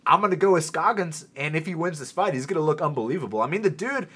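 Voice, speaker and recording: A man hosting a sports betting podcast, talking fast and animated in casual chat, cursing now and then. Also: fairly high pitch, breathy edge. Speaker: podcast host.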